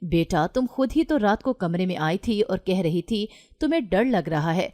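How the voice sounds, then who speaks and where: A woman's voice: fairly low pitch, expressive, mellow, natural voice. A woman narrator voicing a stern, secretive middle-aged mother in a storybook reading, clipped and evasive. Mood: puzzled. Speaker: mother in a read-aloud story.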